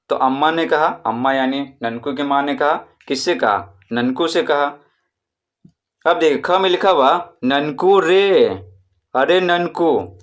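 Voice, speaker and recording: Teaching young pupils a primary textbook chapter, this man drills answers through repetition and stretches out words to imitate someone calling out. He has a Bihari Hindi accent and a slightly high voice.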